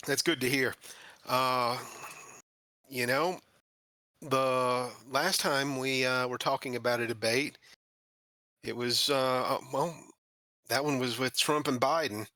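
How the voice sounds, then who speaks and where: A man's voice: medium pitch, fairly even intonation, slow, pauses often, bright, forceful tone, no echo. A man hosting a podcast who reads a mocking scripted opening and then talks casually with his co-host. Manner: sardonic, mocking delivery.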